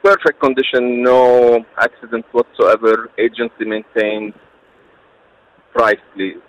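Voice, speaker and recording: A man's voice: medium pitch, little pitch movement, unhurried, no echo. A man calling in to a radio show on a phone line, speaking in short, clipped phrases. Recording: distant phone line, cutting out.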